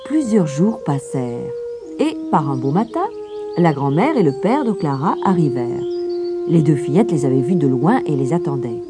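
Brief: woman, storybook narrator, low and animated, music bed. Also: normal speed. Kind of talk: storybook reading. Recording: music playing behind.

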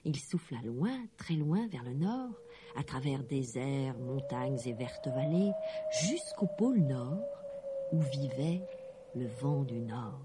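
Slow expressive woman storyteller. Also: extremely low pitch, background noise. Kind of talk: children's story reading. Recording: storybook reading over music.

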